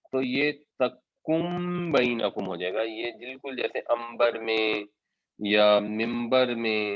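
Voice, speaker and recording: A man's voice: mid-range voice, dry recording. A man explaining scripture as a teacher in a patient lesson, slipping English words into his talk. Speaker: Quran teacher. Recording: dry, slightly dull recording.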